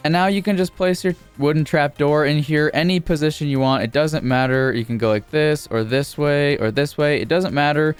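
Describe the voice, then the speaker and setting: A man narrating a casual game building tutorial as a YouTuber, speaking informally in a steady, repetitive cadence. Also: fairly high pitch, moderate pace, few pauses, clear, resonant tone, faint music behind.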